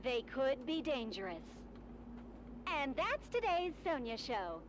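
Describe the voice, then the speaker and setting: An actress playing a radio talk-show host in a game, giving measured advice on air. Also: female voice, sits high, sing-song, background noise, full character voice. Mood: warning.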